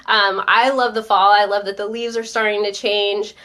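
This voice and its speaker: A woman's voice: mid-range voice, level tone, moderate pace, sharp tone. A woman with a stuffy head cold hosting a live stream, chatting upbeat with viewers and reading out their comments. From Northern Virginia. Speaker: host of a live-streamed show. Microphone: webcam or phone on a live stream.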